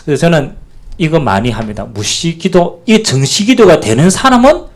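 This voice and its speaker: Pastor guy preaching, voice swings up and down a lot, kinda high for a man. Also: moderate pace. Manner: animated preaching with call-outs for amen. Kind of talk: sermon.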